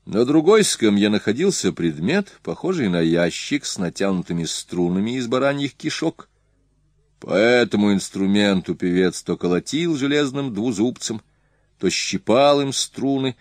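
A man reading an adventure story aloud in measured, expressive narration. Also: lowish voice, dry recording, studio quality. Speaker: audiobook reader. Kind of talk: scripted narration.

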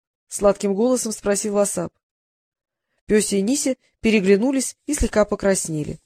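A woman's voice: mid-range voice, animated, normal speed, warm tone, no room sound. Woman narrating a fantasy audiobook. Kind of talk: scripted narration.

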